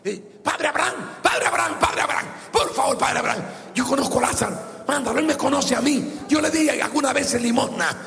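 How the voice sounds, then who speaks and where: A man's voice: very high voice, a little fast, gravelly, pushed and bright, roomy sound, in a large hall, full character voice. A man voicing a tormented rich man in hell, wailing and pleading desperately.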